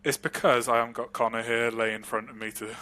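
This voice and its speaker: Candid, rambling podcast co-host. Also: male voice, medium pitch, level tone, quick pace, bright, forceful tone, slight background noise. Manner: candid, rambling, laughs often. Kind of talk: casual podcast chat.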